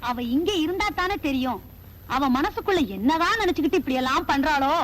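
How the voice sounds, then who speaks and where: An actress playing a nagging village mother who scolds and wails loudly, in a Tamil film. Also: sits high, expressive, fairly quick. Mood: accusing. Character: shrill, nagging middle-aged village mother. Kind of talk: 1980s Tamil film acting.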